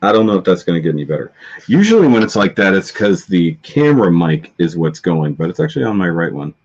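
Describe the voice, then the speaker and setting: A man's voice: deep voice, sing-song, quick pace, darkish tone, husky. A man hosting a live stream in casual chat, his voice coming through distorted and tinny while he rambles through tech trouble. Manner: rambling, self-correcting about tech trouble. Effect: distorted tinny audio. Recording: dull lo-fi stream audio.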